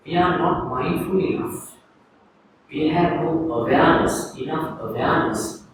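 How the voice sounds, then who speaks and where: Sri Lankan monk giving a calm, slow dharma talk, high voice, distant in a roomy hall with faint hiss. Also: male voice. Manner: slow, calm, leading a guided reflection. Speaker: Buddhist monk teaching. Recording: echoey room, distant mic, faint noise.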